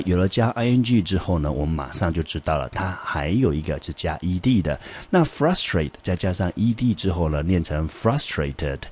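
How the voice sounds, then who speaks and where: A middle-aged man with a Taiwanese Mandarin accent gives an English vocabulary lesson in a deep voice. He works through each word methodically and reads the example sentences slowly. His voice has a husky edge. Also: a little mellow. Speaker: English teacher.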